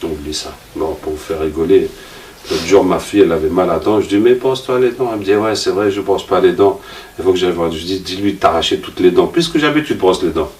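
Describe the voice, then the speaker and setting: A man's voice: sits low, quick pace, a little mellow. A man giving an informal religious talk. He tells a personal story, acts out the dialogue and asks rhetorical questions. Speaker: preacher. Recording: roomy, distant mic, faint noise.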